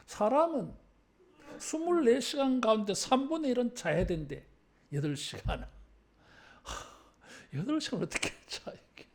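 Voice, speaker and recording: Here a pastor with a medium-pitched voice speaks a little slowly, with big swings in pitch. At a church service, the sermon is delivered in a conversational way, with a filler word tagged onto phrases and the congregation asked to echo lines, while the speech moves between formal and casual.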